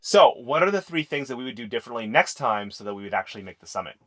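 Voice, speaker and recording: A man's voice: mid-range voice, sing-song, fast. A young adult man co-hosting a travel vlog, telling the story plainly and easily. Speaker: vlog co-host. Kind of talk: casual vlog narration. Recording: voice with loud background music.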